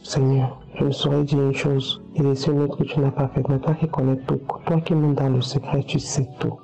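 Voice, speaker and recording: Gravelly, mellow man praying solemnly. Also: medium pitch, flat delivery, faint music behind, rough recording. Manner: solemn, measured. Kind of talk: spoken prayer.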